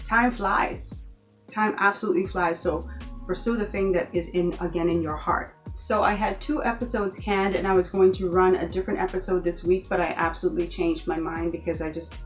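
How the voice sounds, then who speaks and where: A woman from the Bahamas giving an earnest motivational talk in her vlog, encouraging viewers and repeating points for emphasis. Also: medium pitch. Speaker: vlogger.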